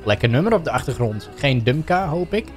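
Animated Dutch streamer man. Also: medium pitch, fairly quick, faint music behind. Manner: chatty, reads on-screen text aloud, jokey asides. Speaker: gaming streamer. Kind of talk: live let's play commentary.

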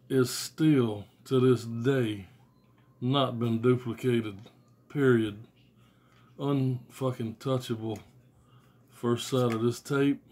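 A music fan reviewing albums on video, this American man in his forties has a mid-range, slightly mellow voice. He chats unscripted and casually to camera from a small room at home, bluntly, with slang and swearing. Recorded on a phone or tablet at arm's length, the audio is noisy with clicks.

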